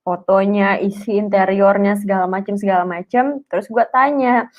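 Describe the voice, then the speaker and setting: A woman's voice: medium pitch, steady tone, normal speed, darkish tone. A young woman with tells a personal story in an emotional, rambling way, full of filler words. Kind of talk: personal testimony. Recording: tinny phone-like sound.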